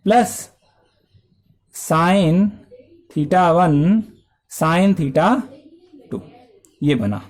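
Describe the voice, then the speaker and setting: A man's voice: high-pitched, darkish tone. A male math teacher lecturing a class, explaining step by step and asking and answering his own questions.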